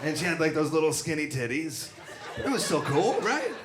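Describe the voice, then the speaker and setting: A man's voice: a little high, big pitch swings, normal speed, noisy background. A man doing a crude, brash stand-up set on a comedy club stage, talking into a handheld mic while an audience laughs. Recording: echoey club with loud crowd.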